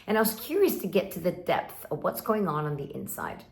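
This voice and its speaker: Very animated and brisk, a Swedish relationship coach in her 50s speaks in a low, creaky voice with an American-influenced English accent. She delivers earnest, emphatic coaching to camera and acts out inner voices, recorded with a roomy echo.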